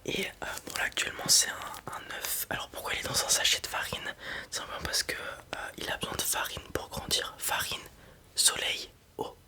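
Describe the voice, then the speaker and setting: At a moderate pace, a whisperer performs an ASMR scene as a breeder advising a customer, laying things out informally step by step, with hesitations and small check-ins.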